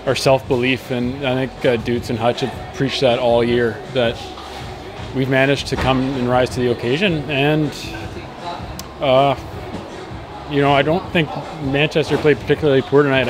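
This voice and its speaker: Hockey player in his thirties, earnest and upbeat post-game, handheld mic outdoors at night, music behind. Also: mid-range voice. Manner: earnest, upbeat, frequent fillers. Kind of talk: post-match interview. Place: outdoors at night beside an arena. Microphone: handheld interview mic.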